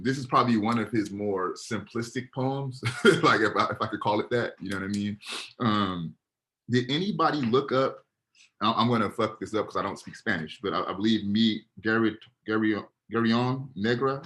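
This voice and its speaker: A man lecturing an online class on a video call, talking casually with many halting fillers. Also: lowish voice, bright, forceful tone.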